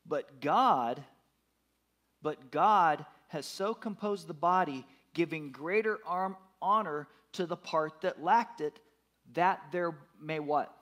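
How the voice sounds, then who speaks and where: A man's voice: fairly high pitch, slow, a bit bright. A man in his fifties preaching a sermon, emphatic, repeating his words and putting questions to the congregation. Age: 50s. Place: church.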